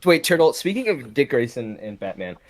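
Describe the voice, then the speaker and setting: A man co-hosting a podcast, talking in an excited, rambling way and laughing often. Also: medium pitch, brisk. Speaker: podcast co-host. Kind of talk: casual podcast chat.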